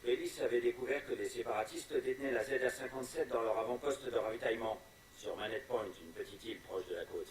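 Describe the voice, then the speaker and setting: Game officer, male actor: businesslike, rapid briefing, crowd noise behind. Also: mid-range voice, echoey room, recorded from a distance, natural voice. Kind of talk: video game voice acting.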